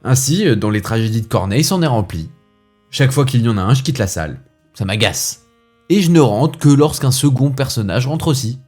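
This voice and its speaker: A man playing a fussy, indignant gentleman who rants with theatrical asides, as in a comic stage monologue. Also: mid-range voice, lively intonation, brisk, husky, faint music behind, voice pushed up. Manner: huffy, ranting, theatrical asides.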